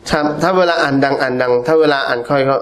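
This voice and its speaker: A man teaching a religious class, telling stories in an animated way and laughing often. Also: mid-range voice, fast talker. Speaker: Islamic teacher.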